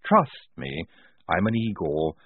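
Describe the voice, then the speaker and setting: A man voicing a calm young woman field surgeon who speaks with a lisp, politely and matter-of-factly, over tinny phone-like audio. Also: low voice, takes it slowly, slight background noise, voice pushed down, exaggerated voice.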